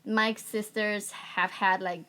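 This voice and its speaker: A woman's voice: medium pitch, flat delivery, takes it slowly, fairly bright tone, slight background noise. A woman co-hosting a casual podcast, mostly agreeing and then sharing her own plans. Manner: supportive listener, many short agreements. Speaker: podcast co-host. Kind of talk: casual chat.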